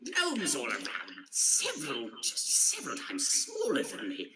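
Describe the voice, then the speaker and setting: A man's voice: on the high side, huge pitch swings, unhurried, background noise, pitched above the performer's own voice. Grumbly, rambling ancient woodsman. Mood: grumbly, marvelling. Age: very old. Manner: rambling, grumbly, forgetful old-man delivery. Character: ancient rambling eccentric old woodsman storyteller, male. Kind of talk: in-character tabletop role-play storytelling.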